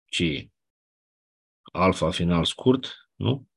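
A man's voice: low voice, lively intonation, vocal fry, husky. A man teaching Ancient Greek grammar in a lecture, explaining step by step and often checking with his students whether they follow. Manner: explanatory, asks 'nu?' and 'da?' to check understanding.

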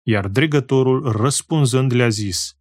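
A man reading scripture aloud in a solemn, slow and measured way, pausing phrase by phrase. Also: mid-range voice, darkish tone, dry recording, studio quality. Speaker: scripture reader.

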